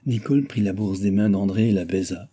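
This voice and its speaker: A man reading a classic novel aloud in steady, literary narration. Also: on the low side, fairly quick, husky. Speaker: audiobook narrator. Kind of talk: scripted narration.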